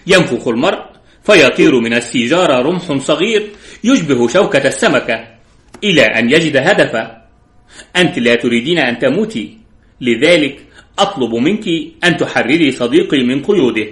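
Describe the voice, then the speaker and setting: A man voicing a composed detective who speaks calmly and courteously, in a measured way. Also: medium pitch, lightly acted. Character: calm, composed elderly male detective. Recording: roomy echo.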